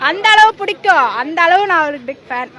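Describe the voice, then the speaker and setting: A woman's voice: extremely high pitch, lively intonation, a little fast, a bit bright, slight background noise. A young woman being interviewed on the street, speaking emphatically about her devotion. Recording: street interview with crowd around.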